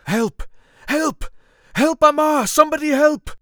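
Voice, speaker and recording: A man's voice: very high-pitched, measured pace, no echo, voice pushed up. A man voicing a wounded young man who screams desperately for help, recorded dry and close. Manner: desperate shouting.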